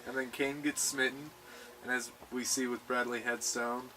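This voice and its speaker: A man's voice: medium pitch, little pitch movement, moderate pace, bright, forceful tone. A young man co-hosting a casual book discussion, laid-back, summing up the plot with dry humor. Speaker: student co-host. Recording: distant mic, faint room noise.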